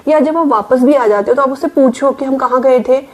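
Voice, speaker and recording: Higher-voiced Indian woman giving parenting tips. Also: brisk. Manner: explanatory, mixes English words into Hindi. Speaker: parenting vlogger, working mother. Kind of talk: casual advice talk.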